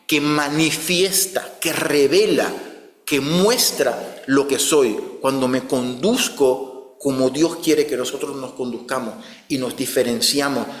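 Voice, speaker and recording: A man's voice: medium pitch, fairly even intonation, takes it slowly. A man preaching a conversational sermon, often ending his phrases with a questioning tag. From outside Spain. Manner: frequent "¿no?" tag questions, restarts. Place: church hall. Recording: echoey church hall.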